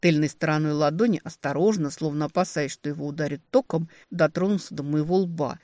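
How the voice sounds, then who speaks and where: An audiobook narrator reading a dark fantasy novel in an expressive, dramatic way. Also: medium pitch, a little fast, no echo, studio quality.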